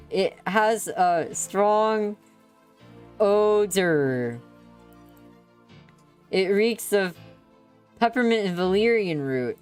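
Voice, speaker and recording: With a clean, mid-range voice, a woman narrates a story live on a stream, playful and dramatic in her delivery, as background music plays.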